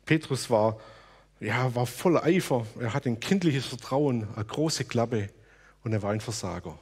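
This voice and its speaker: Preacher, male, slightly raspy voice, earnest and personal delivery. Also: medium pitch, lively intonation, a little slow, a little mellow. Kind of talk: sermon.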